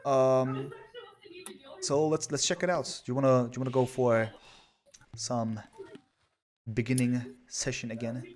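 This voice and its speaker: A man's voice: medium pitch, steady tone, measured pace, long pauses, darkish tone, a little hiss or hum. A man casting a strategy game live, chatty and rambling with lots of fillers. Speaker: esports caster.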